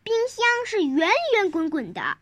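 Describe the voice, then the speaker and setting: A child telling a picture-book story informally, halting, repeating words and asking the listener questions. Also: extremely high pitch, huge pitch swings, a bit bright, no echo.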